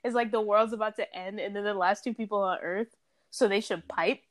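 A woman co-hosting a casual podcast, blunt and profane in fast banter. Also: medium pitch, fairly even intonation. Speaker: podcast co-host.

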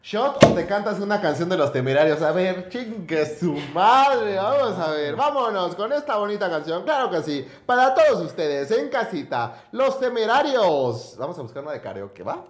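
A man's voice: high voice, sing-song, moderate pace, few pauses. A man with a Mexican accent co-hosting a podcast, joking crudely and singing off-key during a drinking game. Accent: Mexican Spanish. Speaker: podcast co-host. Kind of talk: casual drinking-game banter. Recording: echoey room with faint music.

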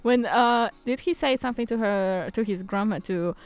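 A woman's voice: medium pitch, normal speed, smooth. A woman chatting casually, playful and laughing often. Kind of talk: casual chat.

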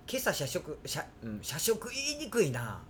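A man's voice: fairly high pitch, huge pitch swings, normal speed, slight background noise. A man with a Kansai accent hosting a casual podcast chat, laughing often and tripping over tongue twisters. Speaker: podcast host.

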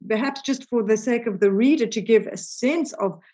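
A woman interviewing an author, asking measured, encouraging questions. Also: fairly high pitch, dark tone.

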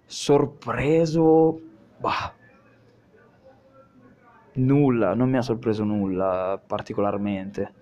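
A man's voice: lowish voice, takes it slowly, long pauses, a little mellow, highs cut off. A young man being interviewed, chatting casually and bluntly in slang with plenty of swearing. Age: young adult. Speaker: podcast interview guest.

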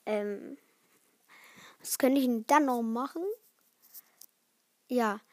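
A teenage girl chats on her own podcast, rambling from one thing to the next and restarting her words. She talks slowly in a somewhat high voice. The sound is dry and close. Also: no echo. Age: teens. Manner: chatty, rambling, restarts often. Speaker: podcast host. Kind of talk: casual solo chat.

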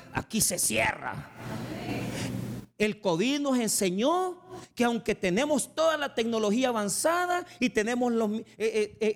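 A man's voice: high voice, slight background noise. A male pastor, preaching a Sunday sermon in a conversational way, with humor and rhetorical questions. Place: church service.

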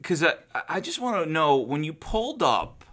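A man's voice: on the high side, sing-song, normal speed, bright, forceful tone. A man hosting a casual podcast, asking teasing, crude questions and laughing a lot.

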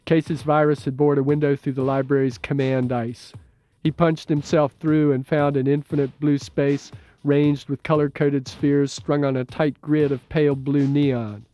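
A man narrating an audiobook in a measured, steady, low-key way. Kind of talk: scripted narration.

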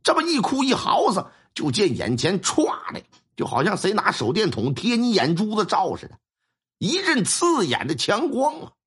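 Husky animated storyteller man. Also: sits high, normal speed. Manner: animated, colloquial, with sound-effect words. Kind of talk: spoken ghost story narration.

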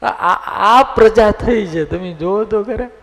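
A man's voice: high-pitched, takes it slowly, a bit bright, big-room sound. A man preaching as a swami, telling folksy stories and checking in with listeners. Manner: folksy, storytelling, asks listeners for agreement. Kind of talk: sermon with humorous stories.

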